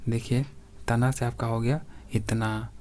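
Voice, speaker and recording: A man's voice: mid-range voice, level tone, unhurried, a little mellow, a little hiss or hum. A man teaching a grammar lesson for exam preparation, reading out word examples one by one and addressing viewers as friends.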